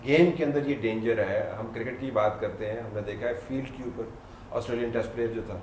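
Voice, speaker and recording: Male TV host, casual interview style, teasing questions, mid-pitch, roomy studio echo with faint hiss. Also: steady tone, a little mellow. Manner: playful, joking questions. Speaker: talk show host.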